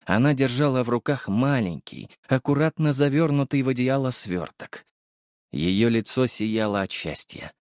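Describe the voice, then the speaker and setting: Man narrating an audiobook, lively and wry. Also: medium pitch, moderate pace, no room sound, studio quality. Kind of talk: first-person audiobook narration.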